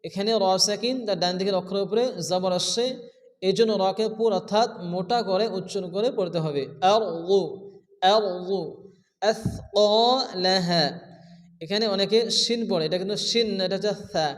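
A man teaching Quran reading, who explains each rule in plain words and then chants every word slowly. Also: sits high, long reverb tail. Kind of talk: Quran recitation lesson.

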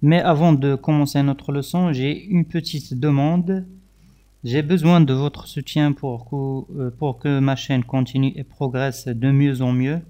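A man teaching vocabulary, saying each word slowly and loudly and repeating it. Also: mid-range voice, steady tone. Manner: slow, deliberate, loud repeated words. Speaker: English teacher. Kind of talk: vocabulary lesson with repeated pronunciation drills.

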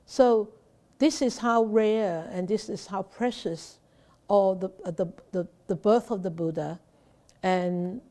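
A middle-aged woman with a Hong Kong accent gives an unhurried Dharma talk, stumbling over restarts and fillers. Her voice is soft and mellow, set at a middling pitch. She speaks into a laptop webcam in a temple shrine room. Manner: slow, halting, many restarts and fillers. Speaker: Buddhist nun teacher.

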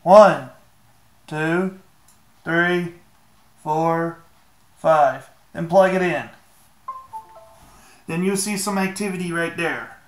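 A man casually talking viewers through a phone software walkthrough, laid-back and joking with mild swearing. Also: fairly high pitch, extremely slow, pauses often, reverberant. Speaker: tech tutorial maker. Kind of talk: casual screen-recorded walkthrough.

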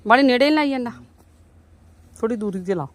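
A woman's voice: fairly high pitch, expressive, fast, no room sound. A woman, chatting homely to viewers as she walks outdoors through her farm's vegetable plots. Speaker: vlogger. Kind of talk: casual farm vlog talking to viewers.

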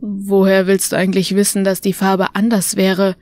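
A woman's voice: mid-range voice, completely flat delivery, moderate pace, a little mellow, natural voice. Woman voicing a cocky teasing young man. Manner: wry, casual banter.

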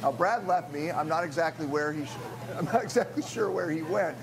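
A man in his forties reporting live for a morning TV show from a small diner kitchen, upbeat and chatty with quick asides. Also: on the high side, gravelly, crowd noise, rough recording. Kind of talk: live on-location TV segment. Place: small diner kitchen beside a sizzling grill. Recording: loud grill sizzle behind.

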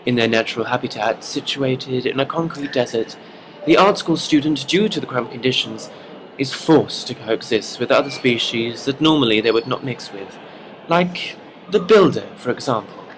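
A man narrating a mock nature documentary in a wry, hushed documentary manner. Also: mid-range voice, normal speed, background noise.

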